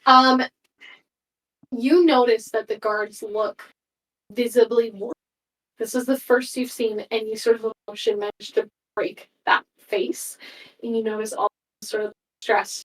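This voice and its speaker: A woman narrating as game master of a tabletop game in a relaxed way, with fillers. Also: a little high, unhurried, long pauses, far from the mic, low-quality recording.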